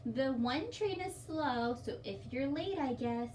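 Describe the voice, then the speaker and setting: At a children's story time, a woman reads a picture book with a high-pitched, darkish voice, lively intonation, and a slightly slow pace. She keeps her explanations and questions simple and encouraging. The recording comes from a distant mic and has faint background noise.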